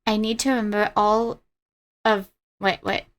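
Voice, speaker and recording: A woman's voice: mid-range voice, little pitch movement, measured pace. A woman game streamer who reads story text aloud dramatically and breaks off into casual, blunt, sweary commentary. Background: game music behind the voice.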